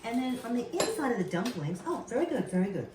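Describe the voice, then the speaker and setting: A woman's voice: fairly high pitch, sing-song, fast talker. Mother talking in an echoey kitchen. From Burma. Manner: warm explaining to schoolchildren, chatty with fillers. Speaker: mother showing family cooking. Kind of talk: casual home video narration. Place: home kitchen. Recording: echoey kitchen, camera far off, noisy.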